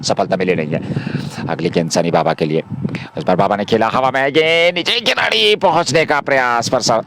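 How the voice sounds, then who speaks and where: A man's voice: lowish voice, noisy background. A man giving live ball-by-ball cricket commentary in a flowing, wordy style, reciting scores as he goes. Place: outdoor cricket ground.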